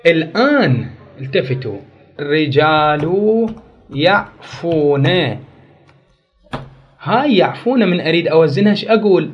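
A man's voice: a little high, sing-song, quick pace. A man teaching an Arabic grammar lesson, repeating key words and quizzing his class with questions. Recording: dull lo-fi recording.

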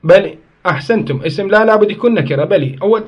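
A man's voice: sits high, expressive, quick pace, breathy edge. A man teaching a grammar lesson, explaining step by step, asking and answering his own questions and correcting himself as he goes. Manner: corrects himself mid-sentence.

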